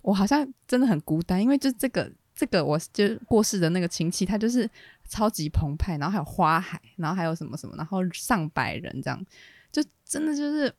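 Young woman podcast co-host, rapid casual storyteller, dry close sound. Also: lowish voice, no echo. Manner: animated, laughs often, quick rambling restarts.

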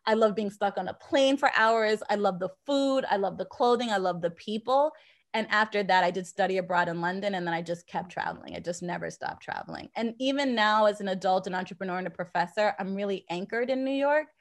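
An anthropologist and professor appears as a podcast guest, her American accent shaped by a Boston upbringing after being born in Jamaica. Her mid-range voice is animated and brisk as she recounts personal stories in conversation, often repeating phrases to stress a point.

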